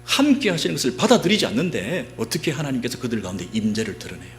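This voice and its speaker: A middle-aged male pastor giving an animated sermon, often asking the congregation questions. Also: medium pitch, fast.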